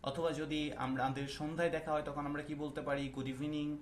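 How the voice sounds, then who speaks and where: A male English teacher, explaining slowly and asking the class questions. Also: fairly high pitch, flat delivery, very noisy. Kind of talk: classroom lesson.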